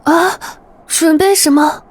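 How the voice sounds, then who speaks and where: A woman voicing a timid, trusting young heroine in an animated series, soft and hesitant. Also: very high voice, slow. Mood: nervous.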